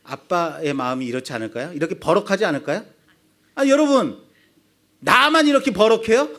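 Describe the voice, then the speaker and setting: A man's voice: sits high, sing-song, fairly quick, a bit bright. A male pastor preaching a sermon, asking the congregation rhetorical questions.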